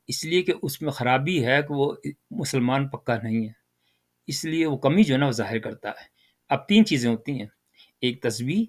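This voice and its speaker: Older male commentator, rhetorical and direct, lively delivery. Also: medium pitch. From Pakistan. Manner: animated, rhetorical, addresses listeners directly. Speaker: political commentator. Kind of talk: casual political commentary.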